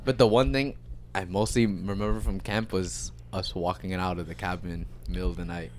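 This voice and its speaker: A young man co-hosting a casual podcast with friends, telling stories in a slangy, animated way. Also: low-pitched, normal speed, slight background noise. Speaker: podcast co-host. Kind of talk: casual chat among friends.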